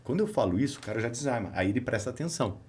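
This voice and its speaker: A Brazilian man hosts a relaxed podcast conversation, talking fast with a lively, swinging pitch. He acts out his exchanges with patients as he tells them. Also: slight background noise. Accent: Brazilian Portuguese. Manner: animated storyteller, acts out dialogue with patients. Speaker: podcast host and therapist. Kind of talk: casual podcast chat.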